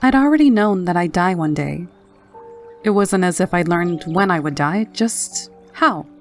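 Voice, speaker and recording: A woman with a slightly low voice narrates a scary story in the first person. Her delivery is measured and haunting, like scripted horror narration. Soft music plays behind her. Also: animated. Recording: narration over background music.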